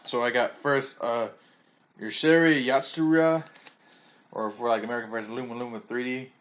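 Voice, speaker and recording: A man's voice: mid-range voice, level tone, fast talker, a bit bright, lo-fi sound. A man talking casually in a video about books he bought, rambling, restarting often and stumbling over names, chatty and opinionated. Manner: chatty and opinionated, with frequent chuckles. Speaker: vlogger reviewing a manga haul.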